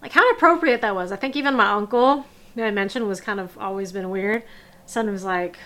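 A woman's voice: medium pitch, a little fast, a bit bright. A young adult woman casually recounting personal stories as a podcast host, with frequent fillers and little laughs. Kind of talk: personal storytelling.

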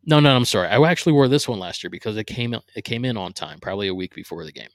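A man's voice: on the low side, animated, rapid-fire, no room sound, studio quality. A man hosting his own podcast from his living room. He chats casually and rambles, with many fillers and restarts. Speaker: podcast host. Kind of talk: casual solo podcast chat.

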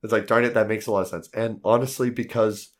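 A man with a lowish voice hosts a casual podcast. His voice is shot and hoarse, as if worn out from yelling. He talks in a loose, conversational way. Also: fairly even intonation, quick pace. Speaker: board game podcast host.

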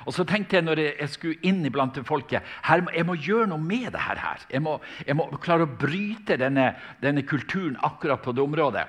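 A man's voice: fairly high pitch, animated, few pauses, fairly bright tone. Fervent male preacher. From Norway. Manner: fervent, emphatic, with frequent restarts. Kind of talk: sermon with storytelling.

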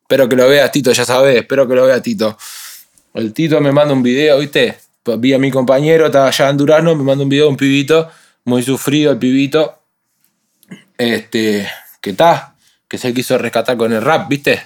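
A man's voice: medium pitch, a little fast. A young man with a Uruguayan accent, a rapper guest in a casual interview, telling stories animatedly in street slang. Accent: Uruguayan Spanish. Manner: animated street slang storytelling, acts out others' voices.

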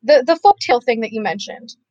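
A woman's voice: a little high, animated, fast, darkish tone, dry recording. A woman playing in an online tabletop game, talking hesitantly with many restarts and fillers over a voice-chat line that breaks up. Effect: muffled voice-chat line that breaks up. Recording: dull lo-fi online call audio.

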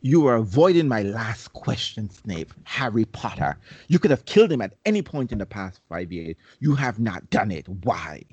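A man reading aloud as a fierce female dark witch, sneering and accusing in a husky voice. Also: lowish voice, sing-song, moderate pace, few pauses, no echo, highs cut off, pitched below the performer's own voice, heavily acted.

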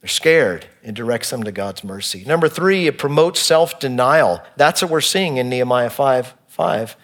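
A man's voice: mid-range voice, expressive, moderate pace. A man preaching a sermon in church, counting off his points and reading scripture with emphasis. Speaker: pastor.

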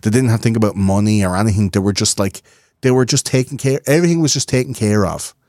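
Irish man, low voice, dry close sound, casual swearing, mimics quoted voices. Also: quick pace, darkish tone, no room sound. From Ireland. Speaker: podcast guest. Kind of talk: casual interview chat.

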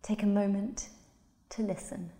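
A woman guiding a relaxation visualization in a slow, soothing, soft-spoken manner. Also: mid-range voice, flat delivery. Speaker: meditation guide. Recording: roomy with long reverb.

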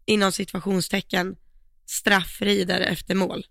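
A woman co-hosting a casual podcast, with a bright voice that carries a gravelly, creaky edge. She speaks frankly and emphatically, with firm opinions about riding. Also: mid-range voice, level tone, dry recording, clean studio sound. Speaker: podcast co-host.

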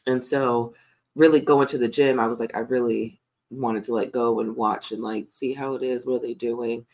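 Een vrouw die als co-host van een podcast levendig en lachend over haar week vertelt. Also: female voice, very deep voice, moderate pace. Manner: animated, laughing, chatty. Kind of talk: casual chat.

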